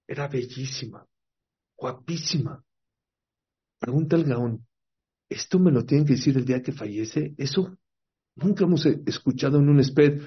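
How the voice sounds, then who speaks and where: A man teaching a Torah class as a rabbi, telling stories lively and asking his listeners questions. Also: mid-range voice, slightly rough. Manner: lively storyteller, acts out quotes, asks the audience questions. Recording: dull lo-fi recording.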